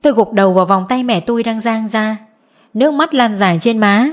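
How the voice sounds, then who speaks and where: A woman's voice: on the high side, fairly quick. Woman narrating an emotional audiobook. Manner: emotional first-person storytelling.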